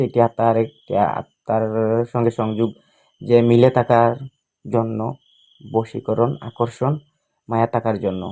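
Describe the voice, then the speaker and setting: A man, an occult practitioner giving a casual instructional talk to his viewers. He speaks in short, halting phrases, repeats himself often and scolds the audience. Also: medium pitch, dark tone. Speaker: occult practitioner and spiritual healer.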